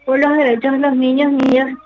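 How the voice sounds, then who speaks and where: Woman, live news reporter, high voice, even flat delivery, dull sound. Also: brisk, a crowd in the background. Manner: level, informative. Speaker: field reporter.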